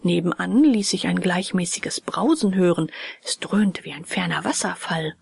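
A woman narrating a children's storybook in a hushed, often whispery voice. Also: lowish voice, normal speed, gravelly, slightly rough, dry recording. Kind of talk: storybook reading.

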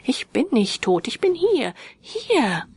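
A woman voicing a proud, imperious young gentleman with a haughty, commanding manner. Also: high voice, very animated, slow, breathy edge, no room sound, voice pushed up, exaggerated voice. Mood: pleading.

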